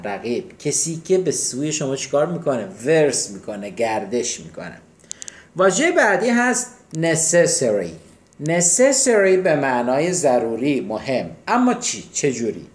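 A man's voice: fairly high pitch, very animated, reverberant. A man teaching English vocabulary, explaining each word step by step and asking questions that he then answers himself. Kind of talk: vocabulary lesson.

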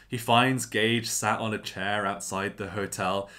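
A man with a lowish voice tells an educational story in a casual, chatty way. He drops in dry, slangy asides as he goes. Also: fairly even intonation, a little slow, bright, forceful tone. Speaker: YouTube host.

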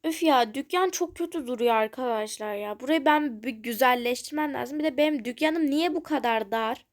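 Chatty high-voiced young woman gamer. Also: normal speed. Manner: chatty, self-conscious, giggly asides to viewers. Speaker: gaming channel host. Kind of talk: casual gameplay commentary.

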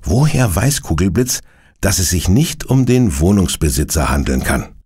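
A man narrating a children's detective radio play in an expressive, lilting way. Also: deep voice, moderate pace, slightly rough. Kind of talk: scripted storytelling for children.

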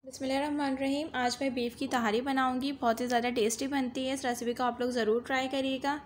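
Speaking fast in a high, level tone, a woman hosts a cooking show as faint music plays underneath. Her voice-over teaches the recipe stage by stage, and "dekhiye" comes up again and again as she points viewers along.

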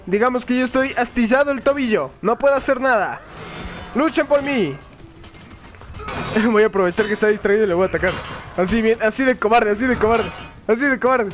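Excitable young man doing gaming commentary. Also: extremely high pitch, a little fast, soft background music. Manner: excitable, joking, yelling at the game and laughing. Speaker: gaming video host.

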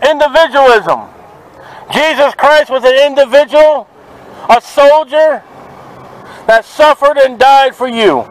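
A man preaching outdoors at a market, forceful and confrontational, quoting scripture to passers-by. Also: very high voice, slow, long pauses, low-quality recording. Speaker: street preacher. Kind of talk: open-air street preaching. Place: outdoors at a city market by traffic.

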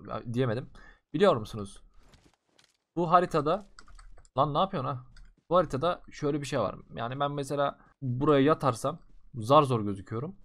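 A young man giving casual commentary while playing a mobile shooter game, slangy and excitable, swinging between loud outbursts and low muttering as he talks to his viewers.

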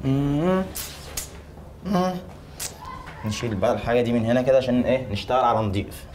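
A man with an Egyptian accent, posing as a hairdresser for a hidden-camera prank in a salon and calmly provoking his customer with deadpan insults. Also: medium pitch, brisk, a little hiss or hum. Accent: Egyptian Arabic. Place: hair salon.

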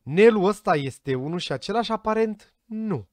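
A chatty man with a slightly high voice talks casually to his viewers, speculating freely and sometimes stumbling over names. The sound is dry and close, with no room echo. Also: expressive, darkish tone. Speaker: vlogger reacting to a series trailer. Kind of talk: casual commentary addressed to viewers.

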